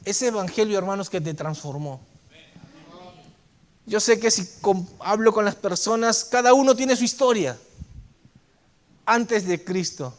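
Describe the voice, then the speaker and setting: A man preaching from the pulpit in a fervent sermon, his voice sitting high for a man. He leans hard into emphatic phrases, then drops to quiet, low endings, calling out to the congregation again and again. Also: measured pace, pauses often. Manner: repeatedly addresses the congregation as brethren. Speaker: pastor. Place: church sanctuary.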